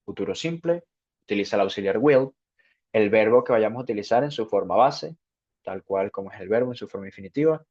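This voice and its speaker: A male English teacher with a low-ish, expressive, slightly mellow voice gives a spoken grammar lesson. He explains each step slowly and says "ok" after every point to check understanding. The sound is dull and lo-fi.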